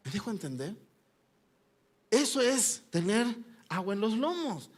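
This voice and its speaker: With a high-pitched, sing-song voice and measured pace, a man preaches a passionate sermon. He swings from loud climbs to hushed drops and keeps throwing rhetorical questions at his listeners.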